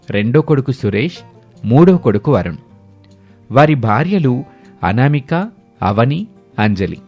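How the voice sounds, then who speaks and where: Steady male story narrator. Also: mid-range voice.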